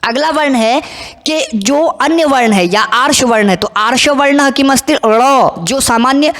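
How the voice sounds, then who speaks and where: Female teacher, methodical explainer, lists items aloud, slightly high voice, reverberant room. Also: unhurried, a bit bright. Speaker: Sanskrit teacher. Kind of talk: explanatory lesson.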